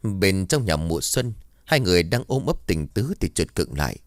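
A man narrating a village story with a lively, expressive delivery. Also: low voice, moderate pace, no room sound, studio quality.

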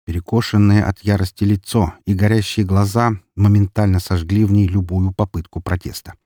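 A man narrating an audiobook in a dramatic, expressive reading. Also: on the low side, brisk, no echo, studio quality.

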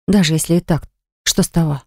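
A woman's voice: fairly even intonation, fairly quick, vocal fry, no room sound, studio quality. A reader voicing a defiant young mother. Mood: indignant. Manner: sharp, defiant, shrill when upset. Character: stubborn indignant young mother. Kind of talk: audiobook acting.

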